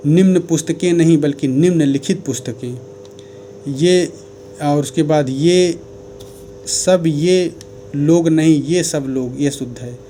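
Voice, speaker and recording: A man's voice: fairly high pitch, slow pace, warm tone, a little hiss or hum. A man giving a grammar lesson, working through sentences one by one and correcting each. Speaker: teacher.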